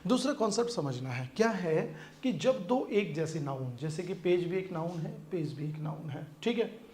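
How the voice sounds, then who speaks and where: Echoey Hindi-speaking English teacher. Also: male voice, fairly high pitch, expressive, moderate pace, a little mellow, a little hiss or hum. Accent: Indian English. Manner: explains in Hindi with English examples, asks checking questions. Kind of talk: grammar lesson for exam prep. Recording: echoey room with faint ambience.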